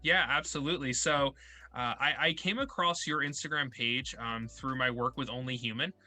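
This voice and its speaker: A man's voice: mid-range voice, moderate pace, sharp tone, soft background music. A young man hosting an interview podcast, talking casually and rambling with lots of fillers. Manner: rambling, heavy on filler words. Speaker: podcast host.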